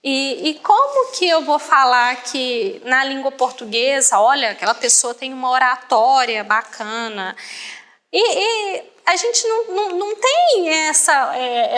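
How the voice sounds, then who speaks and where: A woman voicing a deaf guest's talk live as an interpreter, quick and often restarting her phrases, with a reverberant hall around her. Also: sits high, big pitch swings, sharp tone. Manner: quick, restarting phrases, mimicking others' tones.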